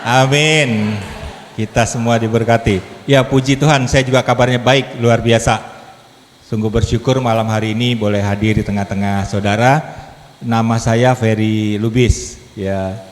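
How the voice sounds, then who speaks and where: This lay preacher, a man in his fifties, talks to a congregation in a church hall at a moderate pace, his mid-range voice fairly even in intonation. The sermon is jokey and conversational, inviting the audience in through questions. Echo and faint background noise fill the recording.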